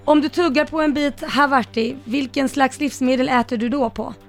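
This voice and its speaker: High-voiced woman reading quiz questions. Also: fairly even intonation, soft background music. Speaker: radio co-host, quiz reader.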